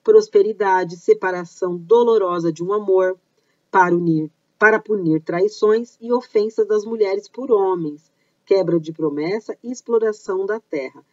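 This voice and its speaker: A woman's voice: medium pitch, moderate pace, dark tone, dry recording, highs cut off. A woman with a Brazilian accent hosting an informal explanatory video, chatty, stopping to explain and correct herself. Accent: Brazilian Portuguese. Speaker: host of a pagan culture channel.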